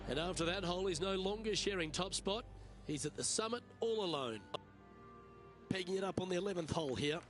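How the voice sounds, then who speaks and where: A man's voice: high voice, animated, a little fast, over music. A man working as lead golf commentator, calling play live in short phrases.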